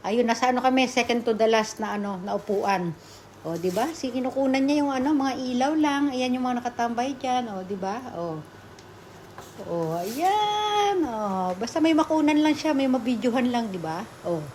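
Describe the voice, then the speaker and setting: A middle-aged woman with a Filipino accent, narrating her family vlog in a chatty, laughing voice-over recorded at night in a quiet room. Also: a little high, normal speed, a little hiss or hum. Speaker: vlogger.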